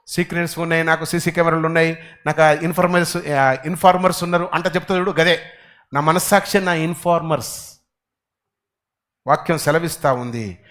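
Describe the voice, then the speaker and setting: A man preaching a church sermon, swinging from quiet asides to loud exclamations and quizzing the congregation. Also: fairly high pitch. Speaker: pastor.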